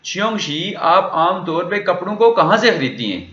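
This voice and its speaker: A man lectures with a high, bright voice, walking through a dialogue line by line. He keeps posing questions and answering them himself. The recording is roomy and somewhat muffled. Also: big pitch swings, normal speed. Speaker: language teacher. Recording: echoey room, dull lo-fi sound.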